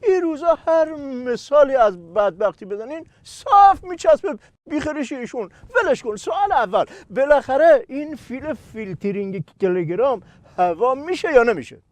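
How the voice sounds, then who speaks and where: A man plays the host in a scripted political satire, throwing playful, needling questions at his guest. His voice is very high and swings widely in pitch. The sound is close and dry. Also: big pitch swings, few pauses, darkish tone, dry recording.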